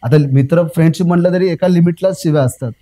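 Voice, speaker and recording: A young man recounting something that happened to him in casual storytelling, repeating himself, filling pauses with "uh" and calling the host sir. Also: a little high, dark tone, rough recording. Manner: rambling, repeats phrases, fills pauses with "uh", addresses the host as sir. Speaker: guest recounting a personal experience.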